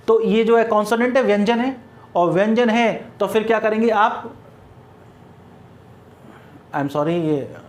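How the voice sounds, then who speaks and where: Man teaching with rhetorical drill questions. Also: high voice. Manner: spells words out letter by letter. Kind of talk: classroom grammar lecture.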